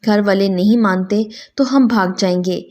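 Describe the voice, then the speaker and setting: Woman reader as a possessive, quick-tempered young man, storybook style. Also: medium pitch, mellow, close to an everyday voice.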